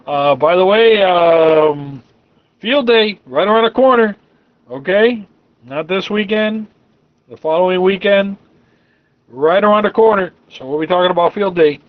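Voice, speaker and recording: A man's voice: a little high, no room sound, phone-quality sound. Man running a ham radio net over the air. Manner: relaxed, joking, loose running commentary. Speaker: net control operator of an amateur radio club net. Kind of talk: directed ham radio net, casual chat.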